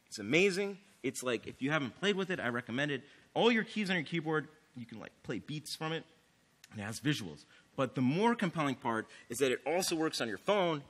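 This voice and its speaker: A man's voice: a little high, sing-song, a little fast, a bit bright. A man giving a casual, enthusiastic conference talk on stage, full of "like" and "um". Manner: enthusiastic, filler-heavy, many "like"s. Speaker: conference speaker. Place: conference stage before an audience.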